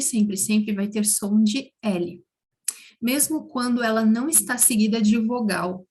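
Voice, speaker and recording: Slow, careful woman teaching Spanish sounds. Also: mid-range voice, darkish tone. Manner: slow and deliberate, pronounces example words clearly. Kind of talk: slow, careful online lesson.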